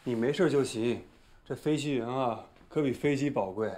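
An actor playing a composed, caring airline executive in a television drama, speaking in a measured, reassuring way. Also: male voice, mid-range voice, a little mellow, close to an everyday voice. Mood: concerned. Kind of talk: naturalistic TV drama acting.

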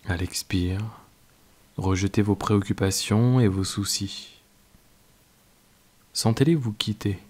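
A French man guides a yoga nidra meditation with a deep, soft-spoken voice, delivering it slowly and calmly.

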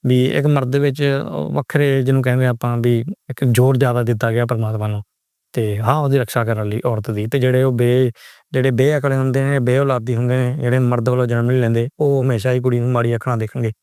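A man's voice: mid-range voice, flat delivery, quick pace, a little mellow, clear, resonant tone, no room sound, clean studio sound. A man casually reading from a book and explaining its hard words in a conversational way. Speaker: book reviewer.

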